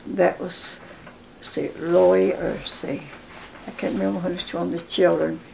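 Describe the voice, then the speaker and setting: A very old woman in her nineties tells stories with a Southern Appalachian accent. Her voice is heavily gravelly, and she goes haltingly and repeats words. There is faint room noise behind her. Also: on the low side, fairly even intonation, rough recording. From Appalachia, southern United States. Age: 90s. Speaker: interviewee telling life story. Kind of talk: casual reminiscing. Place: home living room, indoors.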